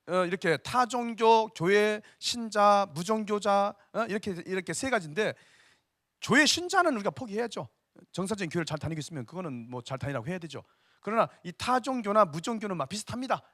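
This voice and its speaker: A man in his fifties, a pastor teaching an evangelism seminar, who tells stories and keeps prompting his listeners with a quick "eh?". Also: sits high, dry recording, clean studio sound. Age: 50s. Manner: animated storytelling, constant tag "eh?" to the audience. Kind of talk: evangelism seminar lecture with storytelling.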